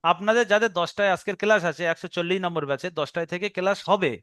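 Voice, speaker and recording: A man's voice: high voice, racing, a bit bright, clear, resonant tone, no room sound, clean studio sound. A man teaching a Quran reading class over an online call, drilling pronunciation by repeating words.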